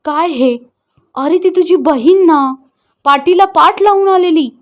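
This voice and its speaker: A woman's voice: high voice, unhurried, fairly bright tone, pitched above the performer's own voice. A woman voicing a distressed elderly mother who pleads tearfully, in an audio story. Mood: pleading.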